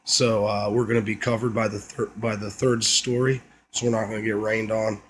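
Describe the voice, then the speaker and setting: A man with a raspy voice, rough from being under the weather, talking matter-of-factly in a casual video log. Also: on the low side, level tone, normal speed, a little hiss or hum. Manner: matter-of-fact, plain listing of plans and supplies.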